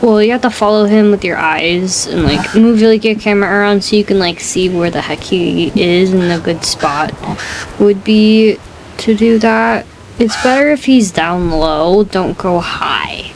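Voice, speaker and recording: A woman's voice: mid-range voice, measured pace, rough recording. A woman giving casual let's-play commentary as a gaming YouTuber, chatty and full of "like", often stumbling over her words. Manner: chatty, fills with "like". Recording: steady background noise.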